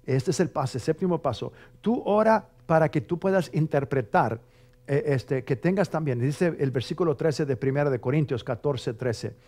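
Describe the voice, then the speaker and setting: A pastor preaches a television sermon in a fairly high, expressive voice at normal speed. He is emphatic and conversational, often checking in with listeners through rhetorical tags, and loudly mimics dramatic prayer voices for effect.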